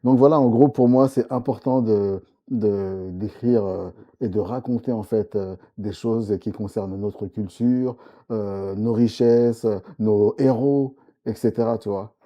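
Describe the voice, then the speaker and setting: A man's voice: fairly low pitch, a little slow, dull audio. A man from Congo-Brazzaville, a comics author, speaking earnestly as a guest in a casual interview, with frequent restarts. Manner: earnest, many restarts and fillers, agrees often.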